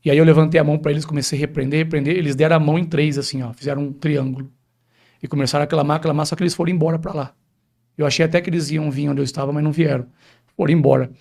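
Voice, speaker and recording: Man, pastor, podcast testimony, emphatic storytelling, slightly high pitch. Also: steady tone, rapid-fire, gravelly, a little mellow. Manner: emphatic storyteller, keeps addressing the host as pastor. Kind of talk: personal testimony in a podcast interview.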